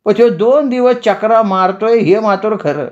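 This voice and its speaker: A man doing an excitable, high-pitched village gossip. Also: measured pace. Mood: excited. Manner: excited, urgent. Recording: dull lo-fi recording.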